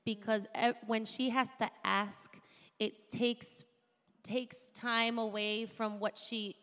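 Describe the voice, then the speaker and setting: A woman's voice: fairly high pitch, little pitch movement, drawn-out words, pushed and bright, clean tone. A woman co-hosting a live podcast, chatting and switching between Spanish and English. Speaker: podcast co-host. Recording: reverberant live venue.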